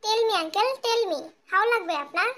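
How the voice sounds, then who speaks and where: A woman's voice: very high voice, a little slow, fairly bright tone. A woman voicing a foolish young man who courts a girl and stuffs broken English into every sentence. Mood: pompous. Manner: stilted broken English mixed into speech. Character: foolish young male suitor mangling English.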